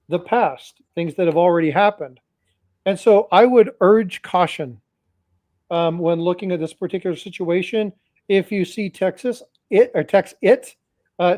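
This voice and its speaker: A man hosts a livestream, chatting casually and warning his audience, often repeating phrases and speaking to them directly. His voice sits high with a darkish tone, and the recording is dry.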